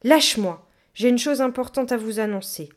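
A woman's voice: fairly high pitch, moderate pace, pitched above the performer's own voice, close to an everyday voice. Brief: woman playing a sly, cold-eyed man who mocks with false politeness. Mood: smug. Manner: smug, mocking. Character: cold, ironic man, scheming town official. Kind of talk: audiobook reading.

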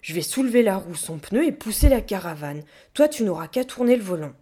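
A woman putting on a bossy, blustering gorilla with a lively voice. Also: mid-range voice, a little fast. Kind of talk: storybook reading.

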